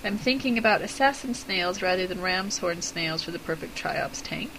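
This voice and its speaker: A woman co-hosts a chatty podcast in a croaky frog voice. Her voice creaks with gravelly fry, and there is noticeable background noise on the recording. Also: fairly low pitch, animated, normal speed, a bit bright, rough recording. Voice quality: croaky frog voice from being sick. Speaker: podcast co-host. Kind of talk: casual podcast chat.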